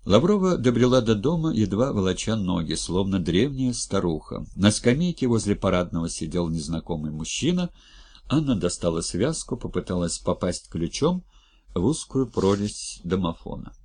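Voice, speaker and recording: A male storyteller with a low, gravelly, husky voice reads a novel. His pitch moves with a lively, expressive range. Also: normal speed. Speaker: audiobook narrator. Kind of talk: scripted narration.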